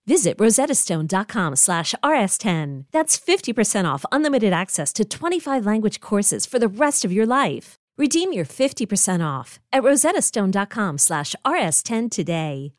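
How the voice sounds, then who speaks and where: A woman's voice: medium pitch, dry recording, clean studio sound. A woman reading a scripted advertisement in an upbeat, persuasive way. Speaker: ad reader. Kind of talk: scripted ad read.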